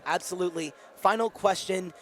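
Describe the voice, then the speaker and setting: A young man working as a student sportscaster, doing sideline interviews and excited play-by-play calls that rise to shouts on scores. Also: high voice, a little fast. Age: young adult.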